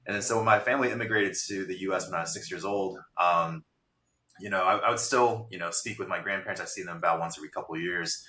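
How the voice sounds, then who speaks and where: A man from Taiwan, a company founder, giving measured, explanatory interview answers with frequent fillers. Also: sits low, sharp tone, echoey room. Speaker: guest, startup founder.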